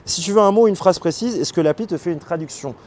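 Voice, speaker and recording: A man hosting a live stream, explaining things casually and pausing often on fillers as he reads and answers chat. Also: high-pitched, darkish tone, slight background noise. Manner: explanatory, hesitant, with many fillers. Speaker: livestream host.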